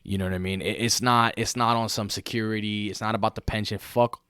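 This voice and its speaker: A man in his late twenties holds forth on a casual podcast, his voice sitting low. He talks in an animated, profane, slangy way, swearing freely. The sound is close and dry. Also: a little fast, smooth, no echo. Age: late 20s. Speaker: podcast co-host.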